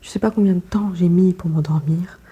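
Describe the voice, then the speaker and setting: A woman's voice: fairly low pitch, brisk, warm tone, husky, highs cut off. A woman chatting casually at home in a vlog, rambling with many fillers and restarts. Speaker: vlogger.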